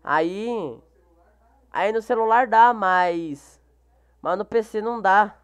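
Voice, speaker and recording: A man's voice: high-pitched, takes it slowly, fairly bright tone, clean tone. A male live streamer with a Brazilian Portuguese accent, chatting casually during a game stream and greeting viewers by name, repeating each greeting. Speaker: live streamer reading chat.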